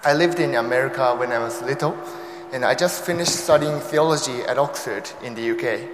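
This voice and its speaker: Speaking briskly at a medium pitch, a young Japanese-accented man delivers a sermon laced with gentle jokes at his own expense. The hall echoes with long reverb, and background noise can be heard.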